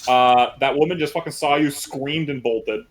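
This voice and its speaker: A man's voice: medium pitch, moderate pace, low-quality recording. A man running a tabletop game as game master, narrating loosely with casual swearing. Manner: loose, profane, laughing narration.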